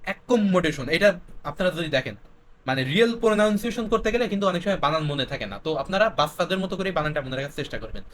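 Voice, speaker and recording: A young man with a high, light voice runs an exam-prep spelling lesson. He spells words out letter by letter and keeps asking questions to drive each point home. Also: expressive, very fast, a bit bright, slight background noise. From Bangladesh. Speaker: teacher.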